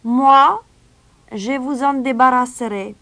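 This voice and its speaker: A woman voicing a calm, sly young male stranger who plays the pipe, speaking softly and slowly in a storybook reading. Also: high-pitched, pitched above the performer's own voice, exaggerated voice. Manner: calm, soft, drawn-out.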